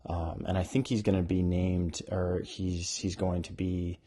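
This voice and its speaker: A man talking casually as an author hosting a podcast, animated and often interrupting himself as he thinks aloud. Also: sits low, measured pace. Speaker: author hosting a podcast about their own book. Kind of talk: casual rambling talk with bits read aloud.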